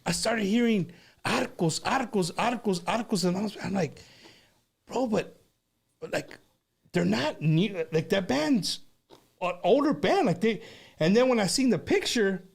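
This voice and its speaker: Casting: lively-pitched male interviewer, high register, informal Spanglish banter, stumbles into repeats. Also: a little slow, vocal fry, slightly rough. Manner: informal, mixes Spanish slang into English. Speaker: show host.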